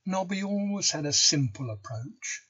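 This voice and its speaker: A man reading a novel chapter aloud for English learners, slow and deliberate. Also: high-pitched, expressive, sharp tone, slightly rough, highs cut off. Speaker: audiobook reader.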